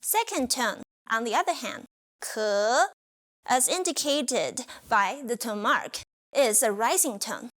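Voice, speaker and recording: Slow, careful woman teaching pronunciation. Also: fairly high pitch, lively intonation, a bit bright. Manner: slow, careful, demonstrative delivery. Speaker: language teacher. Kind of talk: scripted pronunciation lesson.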